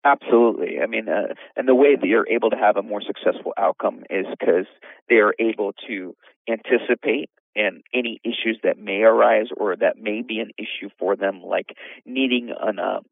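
A man's voice: on the low side, moderate pace, creaky, dry recording, narrow, tinny audio. A man, an orthopedic surgeon, explaining things in a podcast interview with many fillers and restarts.

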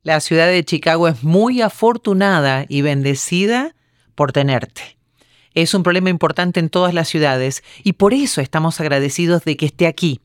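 A woman host reading a formal podcast introduction and questions in a measured voice-over. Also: sits low, no room sound, studio quality. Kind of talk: scripted Spanish voice-over of host.

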